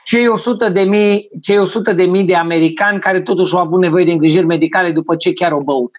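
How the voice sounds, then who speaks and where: A man telling stories in a casual panel chat, animated and quick to act out what others said. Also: high voice, muffled recording. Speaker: storyteller on a talk panel.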